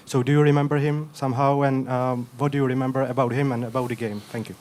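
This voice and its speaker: A man's voice: mid-range voice, fast. A man, a journalist at a press conference, asking a question politely and carefully. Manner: polite, even, careful phrasing.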